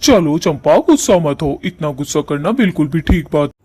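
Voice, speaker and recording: A man's voice: fairly high pitch, expressive, dark tone. A man voicing a shameless, lecherous old father-in-law in a cartoon story, talking in a wheedling way. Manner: wheedling, drawn-out.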